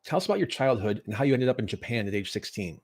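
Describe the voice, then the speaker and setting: A man hosting an interview show, introducing his guest in a brisk, upbeat way. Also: fairly low pitch, very animated. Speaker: host.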